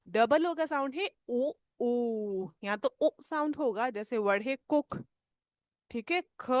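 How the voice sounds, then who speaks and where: Woman teaching phonics, slow stretched sounds. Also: fairly high pitch, no room sound. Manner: patient, explanatory, stretches out example sounds slowly. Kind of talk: teaching phonics in mixed Hindi and English.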